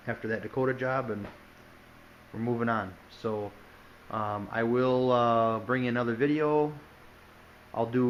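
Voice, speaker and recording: A man's voice: mid-range voice, muffled recording, slight background noise. A man casually talking through a truck repair plan in his garage workshop, rambling and candid with lots of ums. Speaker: auto body shop owner. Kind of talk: casual walkaround vlog.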